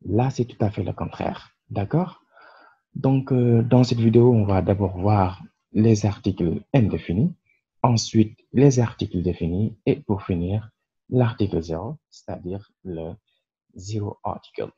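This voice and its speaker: A man's voice: on the low side, unhurried, mellow, husky. A man, the creator of the channel, explaining English articles in a patient grammar lesson with frequent fillers. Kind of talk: French-language grammar lesson. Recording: dull lo-fi sound.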